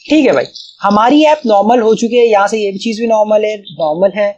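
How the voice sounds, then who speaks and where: The audio is dull, but the voice is clearly a man's, high, a little mellow, and fairly quick. A Pakistani speaker with an Urdu accent, he casually thinks aloud during a screen-recorded coding tutorial and keeps saying "bhai" to the viewer.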